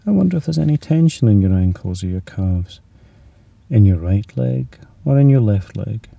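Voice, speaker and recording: A man leading a guided muscular relaxation, speaking in a slow, soothing way that sometimes drops to a whisper. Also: lowish voice, animated, vocal fry, warm tone, no room sound, distant mic.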